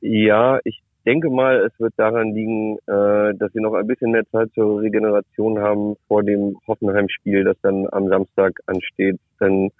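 A man speaking over the phone from his car, a reporter giving a relaxed, matter-of-fact take in casual chat. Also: on the low side, moderate pace, hardly any pauses, no echo. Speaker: reporter and club expert. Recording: tinny dry phone line.

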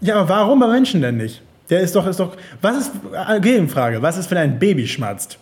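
A man chats loosely on a home podcast, stumbling over repeated words and laughing between thoughts. His voice sits a little high for a man. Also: sing-song, brisk, darkish tone. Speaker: podcast co-host. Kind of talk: casual podcast chat. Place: at home abroad.

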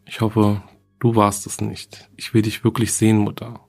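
A man's voice: on the low side, completely flat delivery, moderate pace, gravelly, faint music behind. A man reading the diary entries of a frightened young schoolgirl who writes to her dead mother.

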